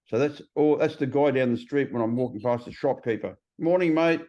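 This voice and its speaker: A man's voice: medium pitch, a little fast, warm tone. A man in casual conversation, speaking bluntly and swearing freely as he acts out other people's voices. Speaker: podcast host. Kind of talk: casual chat. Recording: slightly dull lo-fi sound.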